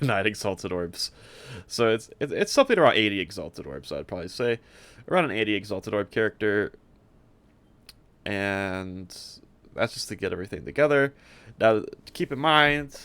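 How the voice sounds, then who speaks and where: A man with a low-leaning, fairly bright voice gives casual commentary while streaming. He is showing a game character build, sounding offhand and a bit hesitant as he thinks out loud.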